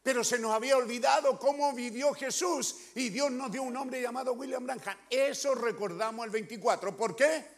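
High-voiced preacher, swinging loud and soft. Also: male voice, normal speed, hardly any pauses. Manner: emphatic, questioning the congregation, swinging loud and soft. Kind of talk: sermon.

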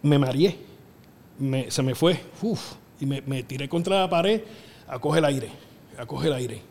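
A middle-aged man with a Puerto Rican accent, telling lively stories as a wrestling booker in an interview, acting out voices and laughing often. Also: mid-range voice, moderate pace. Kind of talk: animated storytelling interview. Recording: long reverb in the room.

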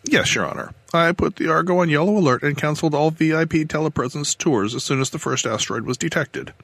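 A man voicing a female mission control captain giving guarded, defensive testimony, somewhat higher and softer than his own voice. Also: animated, quick pace, vocal fry, dry recording, exaggerated voice.

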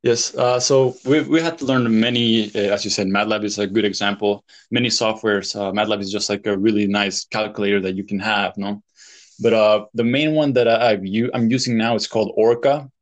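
A man's voice: on the low side, fairly even intonation, fairly quick. A young man from El Salvador, a chemistry PhD student, answering interview questions in a hesitant way with many fillers and restarts.

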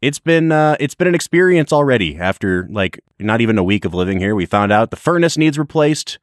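A man's voice: mid-range voice, sing-song, fairly quick, no room sound, clean studio sound. A man co-hosting a film podcast in casual, conversational chat, recording from a makeshift space at home. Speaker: podcast co-host.

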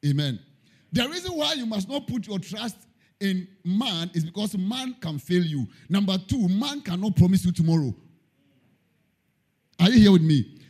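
A man's voice: sits high, lively intonation, moderate pace, a little mellow, slightly rough. A man preaching a sermon in church, emphatic, repeating key lines and singing out phrases. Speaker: pastor.

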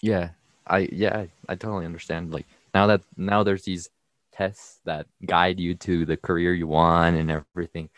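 A teenage young man from Mexico guests on a casual podcast. His voice is very low, and he speaks in halting bursts with frequent restarts. The recording is dry and close. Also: little pitch movement, no room sound. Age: teens. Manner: hesitant, halting, laughs often. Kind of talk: casual interview chat.

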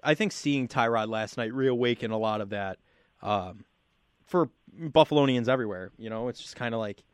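A man's voice: medium pitch, normal speed, smooth, no room sound, clean studio sound. A man hosting a radio sports talk show, speaking casually and using plenty of fillers. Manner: chatty, filler-heavy. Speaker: radio host. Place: radio studio.

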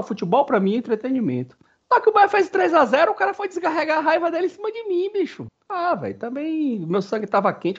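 A man's voice: very high voice, creaky, husky, highs cut off. A man chatting casually on a fan podcast, telling a story in slangy, swear-laden speech. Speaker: podcast co-host, football fan. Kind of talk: casual chat.

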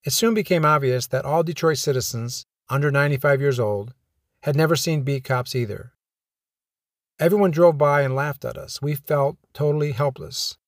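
A man's voice: a little high, normal speed, dry recording. A man hosting a podcast, telling first-person stories of his police days with wry, dry humor. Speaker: podcast host and former police officer.

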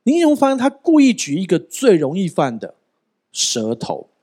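A male pastor preaching a sermon in an animated, joking way, often asking the listeners rhetorical questions. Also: high-pitched, normal speed, slightly rough.

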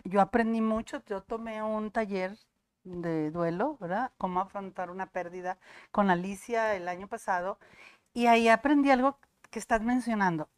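A woman's voice: medium pitch, clear, resonant tone, dry recording, clean studio sound. Chatty woman hosting a talk show. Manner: conversational, recounts personal anecdotes. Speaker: host.

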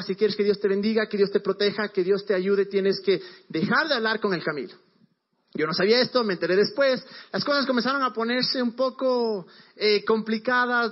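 A young man delivers a casual sermon woven with personal testimony. His voice sits high for a man, and he talks in a relaxed, storytelling way with slang asides. The recording sounds dull and lo-fi. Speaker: preacher.

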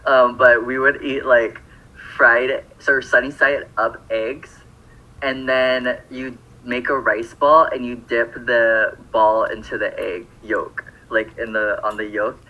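This Phoenix, Arizona man speaks slowly and flatly in a mid-range voice, with the high frequencies cut off. As a podcast co-host, he chats casually and rambles, using lots of fillers and correcting himself.

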